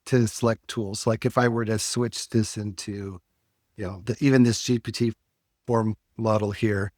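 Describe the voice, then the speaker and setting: A man hosting a podcast, walking through a software demo in a casual, explanatory way with frequent fillers. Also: fairly low pitch, steady tone, moderate pace, no room sound, studio quality. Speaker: podcast host.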